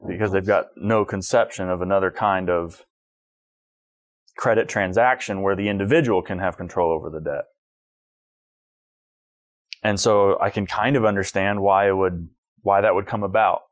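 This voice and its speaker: Casting: male podcast guest, very low voice, calm and measured, dry close recording. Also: dry recording. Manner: measured, thoughtful explaining. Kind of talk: casual conversation.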